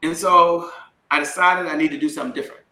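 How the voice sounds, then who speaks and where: Emphatic man with a bright, echoey voice. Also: fairly high pitch, fairly even intonation, quick pace. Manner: emphatic, call-and-response with the audience. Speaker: sales coach and speaker. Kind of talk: motivational talk to a live audience. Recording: echoey room.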